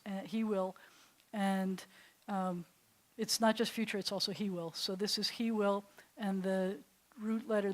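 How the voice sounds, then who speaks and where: Teaching novices Hebrew in a classroom or congregation hall, this woman rabbi speaks at a medium pitch. Her style is relaxed and conversational, with repeated restarts and words drawn out slowly.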